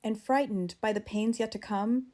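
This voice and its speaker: A woman with a standard American accent narrates an audiobook of literary fiction at a medium pitch. She reads in a measured, expressive way.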